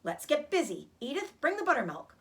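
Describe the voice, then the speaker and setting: A woman reading as a storybook farmer man, brisk and bossy. He calls out loud, cheery orders in a raised pitch with lively swings. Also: heavily acted. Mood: brisk, cheerful.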